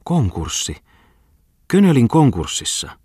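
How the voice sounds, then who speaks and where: A man's voice: low voice, very animated, a little mellow, slightly rough, dry recording, clean studio sound, full character voice. A man reading a startled young pianist. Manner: startled questioning.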